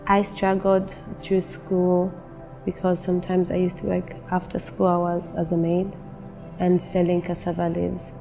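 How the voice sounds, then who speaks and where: A young woman narrates a documentary, earnest and measured. Her voice sits low with a gravelly fry and stays level in pitch, while clear music plays underneath. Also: completely flat delivery, dark tone. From Zambia. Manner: earnest, measured personal testimony. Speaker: narrator, women's advocate. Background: film score music.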